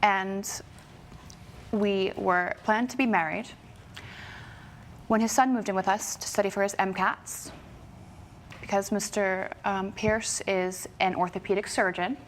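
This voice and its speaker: A woman's voice: medium pitch, steady tone, measured pace, long pauses, slight background noise. A woman in her thirties testifying as plaintiff in a TV courtroom, insistent and defensive. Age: 30s.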